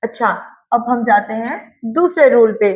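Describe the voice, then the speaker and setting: A woman with an Indian accent teaching English phonics, drilling word pairs slowly and carefully. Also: a little high, lively intonation. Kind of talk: phonics lesson. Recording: echoey room, slightly dull.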